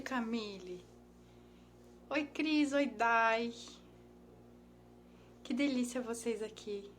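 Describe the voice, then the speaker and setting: A woman, hosting a casual live stream and greeting viewers by name in an affectionate way. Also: on the high side. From Brazil. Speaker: Instagram live host, ThetaHealing instructor. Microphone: phone or laptop mic on a live stream.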